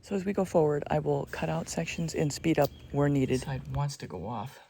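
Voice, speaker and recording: A woman's voice: sits low, fairly quick, vocal fry, warm tone, a little hiss or hum. A woman hosting an art tutorial, chatting and thinking aloud as she works, sometimes dropping to a whisper. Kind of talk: casual tutorial narration.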